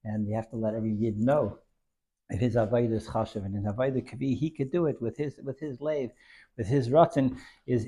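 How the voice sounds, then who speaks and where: Man, raspy and creaky, repetitive halting delivery, informal religious storytelling lesson. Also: mid-range voice, mellow. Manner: halting, repeats words as he goes. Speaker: religious teacher.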